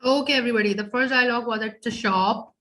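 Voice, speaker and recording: A woman's voice: on the high side, fast, a bit bright. Woman teaching a French class online. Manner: explains French phrases in English, asks students questions.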